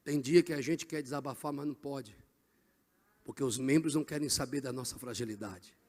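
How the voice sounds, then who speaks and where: A middle-aged male pastor preaching a Pentecostal sermon, swinging from hushed passages to shouted climaxes. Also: medium pitch, a little fast, long reverb tail.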